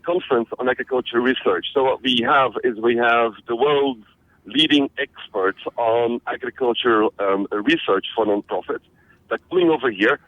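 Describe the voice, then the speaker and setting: Belgian-born man on a tinny phone line. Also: medium pitch. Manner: energetic, many restarts and fillers. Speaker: interview guest, social media trainer. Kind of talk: radio interview answers. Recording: phone-like narrow band audio.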